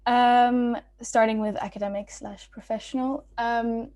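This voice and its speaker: A woman's voice: on the high side, fairly even intonation, a little slow, darkish tone. Chatty young woman on a video call. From Belgium. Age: young adult. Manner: chatty and informal, many ums and restarts. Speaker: student speaker. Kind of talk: casual presentation on a video call.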